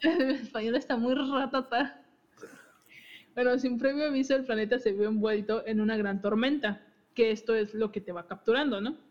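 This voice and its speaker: A young woman hosts a podcast, chatting casually about game lore, giggling often and interrupting herself with restarts. Her voice is a little high with a darkish tone, fairly even intonation and a moderate pace, captured in dull lo-fi audio.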